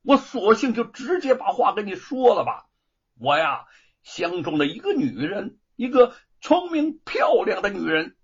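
A husky-voiced man voicing a blunt, lovesick swordsman who halts and pleads in a storytelling performance. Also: sits high, big pitch swings, voice pushed up, full character voice. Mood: pained. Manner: pained, halting, earnest. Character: blunt, lovesick big-brother swordsman, troubled. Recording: dull lo-fi recording.

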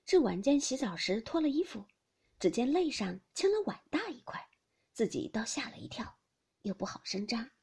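Woman narrator for a classic novel audiobook: very breathy, lively melody, slips into whispers. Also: on the high side, moderate pace. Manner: expressive, with many whispered passages.

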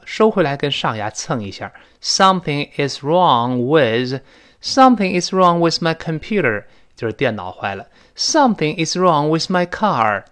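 A man teaching spoken English, stretching out slow model pronunciations of words for learners to repeat. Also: mid-range voice. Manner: lively, varied intonation.

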